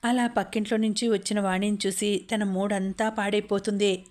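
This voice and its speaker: A woman reading an audiobook story aloud, in steady scripted narration. Her pitch sits in the middle and barely moves, which gives her an even, level delivery. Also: normal speed.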